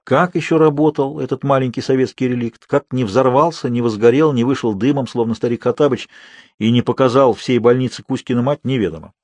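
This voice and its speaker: A man narrating a novel as an audiobook reader, in a measured, dryly ironic manner. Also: medium pitch, darkish tone, dry recording. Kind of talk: scripted narration.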